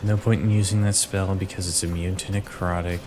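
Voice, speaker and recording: A man giving casual commentary while streaming a video game, thinking aloud and haltingly reading out stats. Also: low-pitched, little pitch movement. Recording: game music playing underneath.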